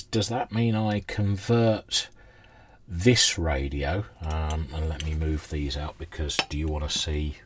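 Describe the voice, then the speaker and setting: A deep-voiced middle-aged radio-restoration hobbyist rambles and pokes fun at himself while giving an unscripted demo at his indoor workbench. There's a little hiss or hum in the audio.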